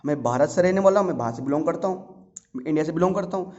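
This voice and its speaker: A man's voice: a little high, lively intonation, racing, darkish tone. Chatty male maths tutor, lo-fi sound. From Uttarakhand, India. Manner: chatty, coaxing, answers his own questions in students' voice. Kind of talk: casual classroom explanation. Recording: dull lo-fi sound.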